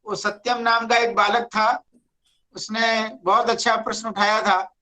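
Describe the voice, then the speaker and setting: A teacher giving an online Sanskrit grammar lecture, speaking deliberately and repeating key words. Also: medium pitch, pushed and bright, rough recording.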